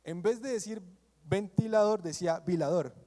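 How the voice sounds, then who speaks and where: A man's voice: sits high, unhurried, warm tone. A man in his twenties from Colombia preaching a sermon, calling on the congregation to repeat after him and answer his questions. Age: 20s. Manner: call-and-response, asking the congregation to repeat and answer. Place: church hall. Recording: long church hall reverb.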